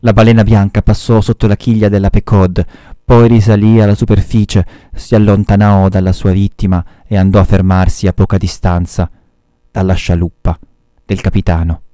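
Deep-voiced male teacher reading a novel aloud, mellow tone, dry sound. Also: level tone, dry recording. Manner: measured storytelling with short explanations.

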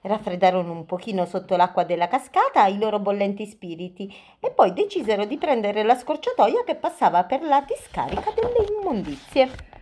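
Lively woman reading a children's story. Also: medium pitch, a little fast, few pauses. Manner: lively, playful, sing-song. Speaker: storyteller host.

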